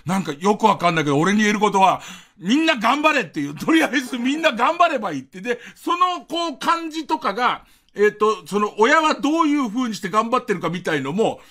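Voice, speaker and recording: A male late-night radio host tells a long, rambling anecdote, his talk full of fillers and restarts. His voice sits high for a man. It swings widely in pitch as he goes. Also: very animated, fast talker, pushed and bright.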